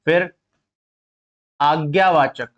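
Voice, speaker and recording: Man, high voice, teacher in a live online class, quizzing and explaining step by step, muffled lo-fi recording. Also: very slow, fairly bright tone. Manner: addresses students fondly as "beta". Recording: dull lo-fi audio.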